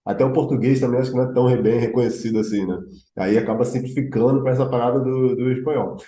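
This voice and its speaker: A man hosting a casual conversation, explaining things in a loose, relaxed way full of filler words. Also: mid-range voice, quick pace, reverberant, rough recording. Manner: relaxed, lots of fillers like tipo and né. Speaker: host.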